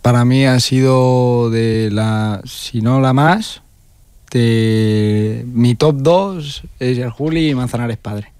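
A man's voice: mid-range voice, slow, darkish tone, clean tone, no room sound. Young man giving short replies. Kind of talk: interview answers.

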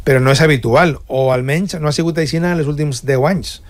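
Fast-talking male host. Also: on the high side. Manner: chatty, switches between Spanish and Valencian. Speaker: radio and TV host. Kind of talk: interview conversation.

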